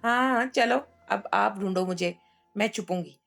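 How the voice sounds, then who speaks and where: A woman's voice: mid-range voice, unhurried, creaky, a bit bright, faint music behind. A woman doing a playful young auntie. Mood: teasing. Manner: playful, coaxing. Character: cheerful young woman caring for children.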